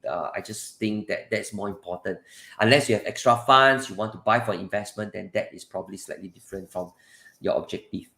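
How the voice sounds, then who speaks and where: A man's voice: on the low side, a little fast, vocal fry, pushed and bright. A man with a Singaporean accent hosting a casual live advice stream, conversational and repetitive, speaking straight to his viewers. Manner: repetitive, conversational, often addresses listeners directly. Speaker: live session host and property adviser. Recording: roomy, echoing sound.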